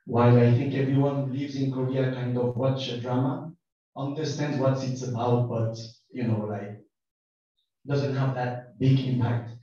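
A man's voice: mid-range voice, warm tone. A man from France with a French accent, hesitantly and thoughtfully asking a question from the audience, searching for words. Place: lecture room, picked up from afar. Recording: distant, very echoey hall, muffled.

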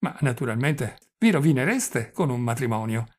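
A man's voice: expressive, moderate pace, lightly acted. A man reading the part of an impatient young nephew who presses an old man with questions, in an audiobook. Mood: pressing. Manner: quieter, lower than the narration, pressing questions.

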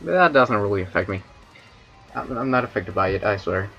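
A man's voice: fairly low pitch, animated, brisk, sharp tone, dull audio, soft background music. A man from Chile with a Chilean Spanish accent, rambling and cracking crude jokes with chat on a casual debut livestream. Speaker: streamer.

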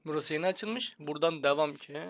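A young gaming YouTuber with a Turkish accent gives casual let's-play commentary in a fairly high, brisk voice through a headset. He jokes and grumbles at the game with sudden loud outcries, and he has a slight headache.

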